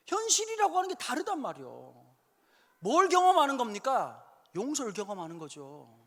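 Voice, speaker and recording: A man in his fifties preaching a sermon in a church hall, joking and suddenly shouting when he acts out quotes. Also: very high voice. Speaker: pastor. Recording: echoey hall sound.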